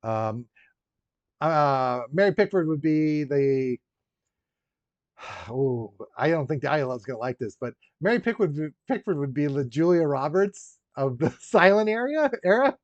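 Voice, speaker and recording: Running a casual live stream about his toy collection, a man chats with viewers in a rambling, joking way full of dry teasing. His slightly high voice swings widely in pitch and moves a little slowly, in a roomy, echoey, dull lo-fi recording.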